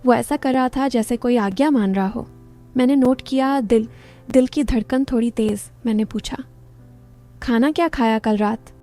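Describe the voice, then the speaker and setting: Mellow woman telling a first-person story. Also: fairly high pitch, moderate pace, faint music behind. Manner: calm, intimate storytelling.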